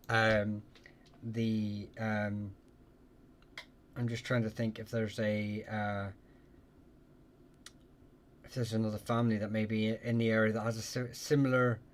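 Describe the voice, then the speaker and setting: Answering viewer questions on a live stream, this man has a lowish voice. He talks casually and in a halting way, full of ums and false starts.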